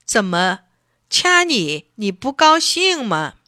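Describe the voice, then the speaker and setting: A big storybook lobster greets and chatters with bright, beaming politeness, his voice lifted and lively. A woman puts him on as she reads aloud, in a dry, close recording. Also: high-pitched, unhurried, no room sound, pitched above the performer's own voice, exaggerated voice. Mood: cheery, polite. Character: big cheerful lobster, friendly but rough.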